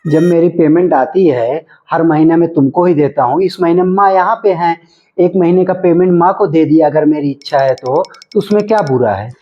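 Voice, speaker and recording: A man with a fairly high voice scolds and lectures as a husband in a scripted family comedy skit. His voice comes through dull lo-fi home video sound. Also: normal speed, warm tone.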